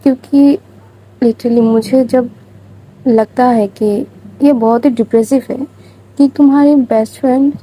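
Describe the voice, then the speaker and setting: A woman's voice: a little high, warm tone, slightly rough, poor audio. A woman narrating a story in a chatty, informal way, with confiding asides to listeners.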